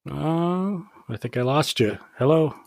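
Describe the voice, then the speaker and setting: A man's voice: a little high, lively intonation, unhurried, vocal fry, a little mellow, dry recording, studio quality. A man from Utah, a podcast guest, calling out to check the line as an online call breaks up. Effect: breaking-up online call connection. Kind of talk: casual remote interview.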